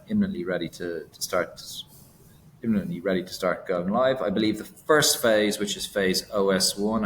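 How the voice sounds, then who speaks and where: A man with a low voice co-hosts a casual industry podcast. He talks haltingly and often stops to restart his sentences. A faint rumble runs under his voice. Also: fairly bright tone. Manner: hesitant, many fillers and restarts. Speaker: podcast co-host, analyst.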